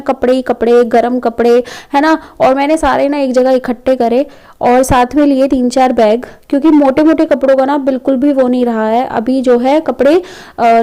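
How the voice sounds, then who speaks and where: A woman's voice: sits high, warm tone. A woman in her thirties, a mother of two, chatting casually as she narrates her day at home in a vlog, with frequent fillers. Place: home, indoors.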